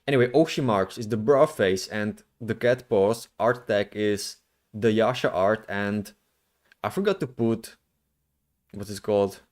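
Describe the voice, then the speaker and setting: A man's voice: fairly low pitch, a little mellow. Casual, rambling male livestreamer. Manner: rambling, slangy, halting. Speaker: streamer, VTuber host.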